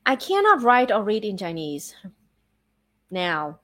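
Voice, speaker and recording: Talking slowly in casual English, a woman with a Vietnamese accent, a native Vietnamese speaker, sounds chatty and fairly bright, her mid-range pitch swooping wildly. "Like" crops up constantly, and she often starts sentences over.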